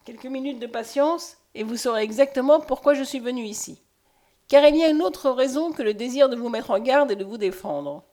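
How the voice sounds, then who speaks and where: A woman's voice: sits high, a little fast, dark tone, close to an everyday voice. An impassioned man haunted by his lost past, read by a woman. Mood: pleading. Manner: earnest, impassioned. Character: haunted man with lost memory, pleading and intense.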